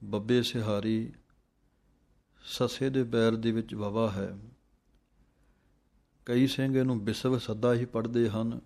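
Male recitation teacher. Low, steady, flat delivery; slow chanting mixed with brisk spoken pointers. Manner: slow chanted verses alternating with quick spoken explanations. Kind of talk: recitation lesson, chanting verses then explaining pronunciation.

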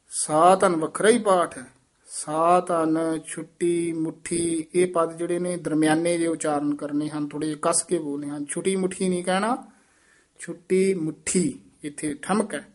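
A man teaching a recitation lesson line by line. He recites each verse slowly and drawn out, then explains the pronunciation briskly and more softly. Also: fairly high pitch, fairly even intonation.

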